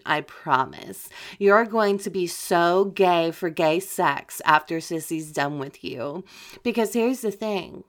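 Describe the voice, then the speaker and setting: A woman voicing a domineering female demon in an audio roleplay, talking slowly in a mocking tone with frequent soft laughs. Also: lowish voice.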